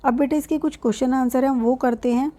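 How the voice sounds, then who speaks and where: A woman's voice: high voice, fairly even intonation, fast, dark tone. A woman teacher reading a lesson aloud and explaining it line by line in simple words, calling her students "beta". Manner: reads lines aloud, then explains each in simple words.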